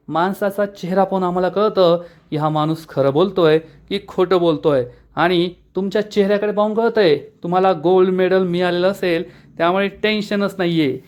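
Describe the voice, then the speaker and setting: Man voicing a cheeky young man, playful, reassuring, fairly high voice. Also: moderate pace, darkish tone, lightly acted. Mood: joking, breezy. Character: cheeky young man, joking and fast-talking.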